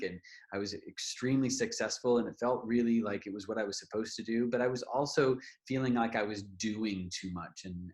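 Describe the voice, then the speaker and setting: A man who teaches yoga nidra, a guest telling a personal story in conversation, animated and laughing often. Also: fairly low pitch. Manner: animated, acts out what people said, laughs often.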